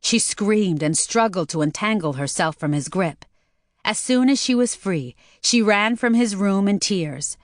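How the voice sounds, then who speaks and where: A woman audiobook narrator giving a steady, scripted storytelling read. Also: mid-range voice, a little slow, dry recording, clean studio sound.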